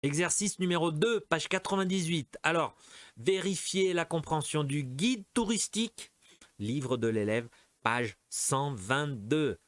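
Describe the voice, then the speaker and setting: A man's voice: on the high side, no room sound. A man teaching vocabulary, patiently modelling each word for students to repeat. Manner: slow, patient, models words for repetition. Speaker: French teacher. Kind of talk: vocabulary drill lesson.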